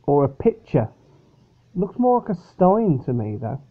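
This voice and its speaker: A man chats his way through a drink review in a rambling, hesitant manner. His voice sits fairly high. The sound is thin and boxy, like a phone line. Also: sing-song, a little slow. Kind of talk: casual product review. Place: upstairs bedroom at home.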